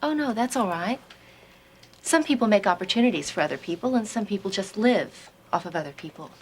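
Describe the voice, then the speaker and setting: Give me a woman playing a brisk, professional boss handing over her job. Her voice is mid-pitched and reassuring. A faint hiss sits behind her. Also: animated, close to an everyday voice. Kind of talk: soap opera acting.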